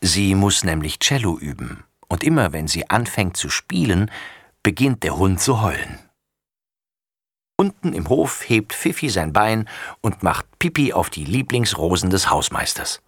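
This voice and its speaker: A man reading a children's story aloud with lively, expressive narration. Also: low-pitched, measured pace, breathy edge, dry recording, studio quality.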